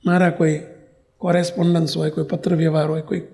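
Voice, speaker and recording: A man's voice: on the high side, little pitch movement, fast talker, vocal fry, darkish tone. A man with a Gujarati accent who is a monk preacher, telling a story in a sermon and acting out the dialogue.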